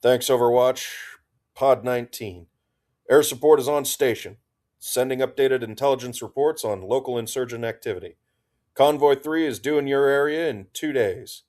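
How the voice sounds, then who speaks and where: A man's voice: medium pitch, normal speed, darkish tone, voice pushed up, natural voice. A man voicing an anonymous woman controller giving a formal, clipped radio briefing.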